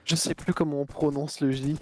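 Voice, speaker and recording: A man with a French accent jokes and teases his friend as they play together. His voice is a little higher than most men's. Faint noise and clicks run under the talk. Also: level tone, fairly quick. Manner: joking, teasing. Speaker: co-player. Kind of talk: casual gaming chat.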